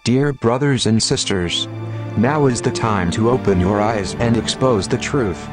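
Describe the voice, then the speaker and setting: A man reading a scripted statement as an anonymous spokesman in a disguised deep voice, grave and measured. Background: music.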